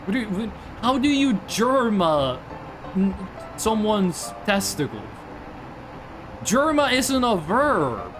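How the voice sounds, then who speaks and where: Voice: mid-range voice, sing-song, slow pace, music in the background. A video game streamer giving casual live commentary, joking around, talking to chat and swearing casually.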